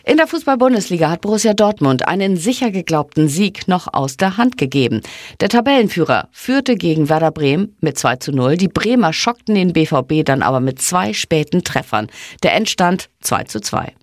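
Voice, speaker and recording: A woman's voice: fairly low pitch, very animated, normal speed, no echo. A woman reads scripted radio news as a studio anchor.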